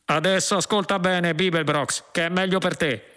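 A man voicing a loud, touchy male space policeman who calls out over a loudspeaker in a storybook reading. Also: high voice, steady tone, normal speed, pitched above the performer's own voice. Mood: threatening.

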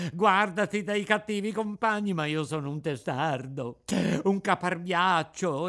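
A man voicing a frightened wooden puppet boy, pleading and wailing in a dramatic radio reading. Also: clear, resonant tone. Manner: wailing, pleading, high-pitched.

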